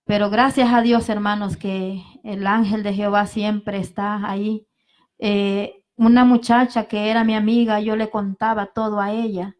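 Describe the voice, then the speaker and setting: Woman giving an earnest, flat church testimony. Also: medium pitch, unhurried. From El Salvador. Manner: earnest, repeatedly addresses the congregation as brethren. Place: evangelical vigil service.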